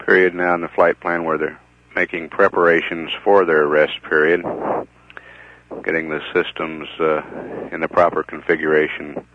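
Very deep-voiced male mission commentator, measured delivery with halting pauses, heard over a thin radio transmission like a communicator. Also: level tone, no room sound. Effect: narrowband radio transmission sound, like a communicator. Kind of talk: live mission status commentary. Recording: tinny phone-like archival radio feed.

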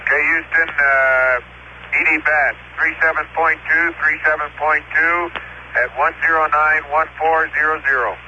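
A male astronaut with a sharp, bright, fairly high voice gives a halting technical report full of pauses. He comes through over a crackling space radio transmission. The archive link sounds muffled under faint static. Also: fairly even intonation. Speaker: astronaut reporting to ground control.

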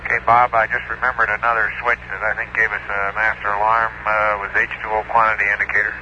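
A man speaking as an astronaut in orbit, giving brisk, matter-of-fact reports over a crackly air-to-ground space radio link. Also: lowish voice, level tone. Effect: crackly space radio transmission. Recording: muffled, noisy archival space radio.

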